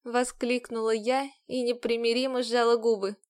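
Brief: female audiobook narrator, first person, measured delivery, slightly high voice. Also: flat delivery, clean tone.

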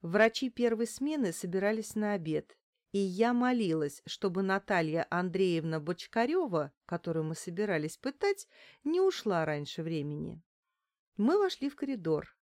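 A woman reading a first-person detective novel aloud in a steady, matter-of-fact way. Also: mid-range voice, normal speed, dry recording, studio quality. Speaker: audiobook reader.

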